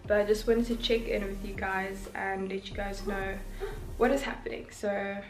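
A woman's voice: mid-range voice, flat delivery, normal speed, echoey room, low-quality recording. A young woman vlogging casually in a gushing, chatty way, with a groggy morning voice. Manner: chatty, gushing, says "like" and "guys" a lot. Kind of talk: casual vlog chat.

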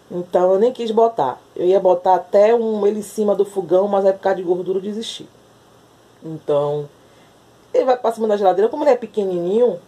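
A woman's voice: mid-range voice, husky. Brief: young Brazilian woman vlogger, casual chatty home talk, phone mic. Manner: chatty, animated, coos and baby-talks to her cat. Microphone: phone camera.

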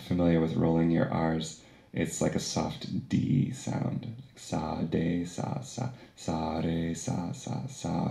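A man leading a yoga and meditation session, giving calm, unhurried instructions and chanting mantra syllables. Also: low-pitched, vocal fry, reverberant.

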